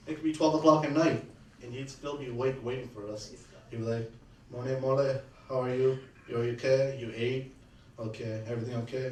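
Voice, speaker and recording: A man speaking at a memorial in earnest, halting sentences with many restarts, remembering his late father-in-law. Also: mid-range voice, darkish tone. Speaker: eulogy speaker, son-in-law. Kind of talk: personal remembrance speech. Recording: echoey room, distant mic, faint background hum.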